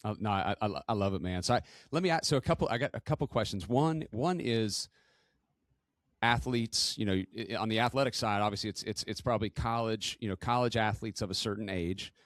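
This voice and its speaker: A man's voice: lowish voice, brisk, no room sound. A middle-aged man hosting a podcast interview, casual and chatty, stumbling and restarting as he asks questions. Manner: casual, laughs easily, many restarts. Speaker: podcast host.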